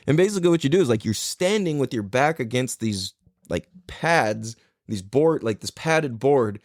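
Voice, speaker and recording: In a casual storytelling monologue, a thirty-something man from the US hosts his podcast, winding through a long tale full of swearing and frequent laughter. He sounds animated at a normal speed, mid-range in pitch, with studio-quality audio and no room sound.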